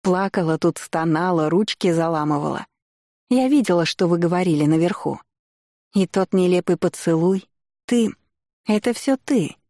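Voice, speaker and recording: A woman's voice: fairly low pitch, expressive, moderate pace, warm tone, no echo, studio quality, lightly acted. A woman voicing a sneering jealous witch. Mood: accusing. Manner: accusing, sneering. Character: furious jealous young aristocratic witch woman. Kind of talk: audiobook character voice.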